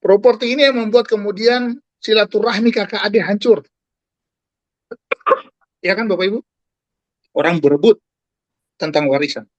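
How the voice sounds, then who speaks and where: A man in his forties speaks with a fairly high, lively voice. He addresses his audience directly, like a preacher. The call audio sounds dull and dry, with no room around it. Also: moderate pace, pauses often, dry recording. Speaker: guest speaker. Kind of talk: talk to an online audience. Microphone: video call.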